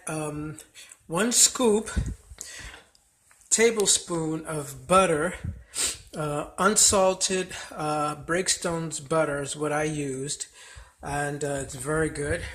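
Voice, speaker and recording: A man hosting a casual home cooking video, talking slowly and unhurriedly with many pauses and fillers. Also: a little high, steady tone, a bit bright, a little hiss or hum. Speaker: home cook vlogger.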